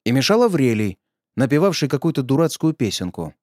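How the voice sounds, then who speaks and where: A man narrating an audiobook in an expressive storytelling manner. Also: mid-range voice, brisk, dry recording, clean studio sound.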